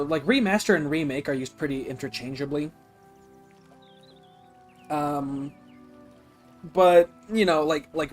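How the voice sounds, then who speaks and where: A man live-streaming a game, chatting casually with lots of fillers like "like" and "you know", and breaking into loud, excited reactions during fights. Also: fairly high pitch. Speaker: streamer playing a game for the first time.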